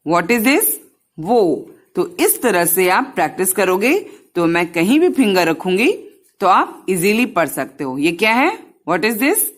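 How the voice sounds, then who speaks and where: A woman gives a slow, patient lesson to small children. She sounds out each syllable one at a time and drops English words into her Hindi, in a fairly low voice. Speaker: teacher.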